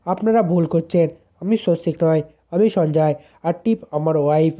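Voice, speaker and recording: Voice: mid-range voice, normal speed, dark tone, dull audio, lightly acted. A narrator reading a curt young husband. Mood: dismissive. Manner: curt, dismissive. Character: cold young husband who denies his past.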